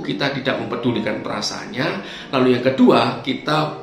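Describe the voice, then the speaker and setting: A man explains customer service rules in the even, mid-pitched voice of an instructor. He acts out short polite service lines now and then. The sound is roomy and echoey, with soft music playing underneath. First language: Indonesian. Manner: demonstrates polite service phrases in quoted role-play. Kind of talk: instructional talk.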